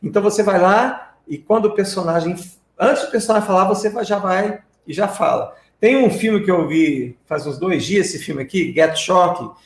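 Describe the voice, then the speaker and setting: A man's voice: high voice, moderate pace, roomy sound. A man with a Brazilian Portuguese accent, teaching a live-streamed lesson and explaining step by step while checking in with his viewers. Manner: explanatory, tag questions to viewers. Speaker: English teacher.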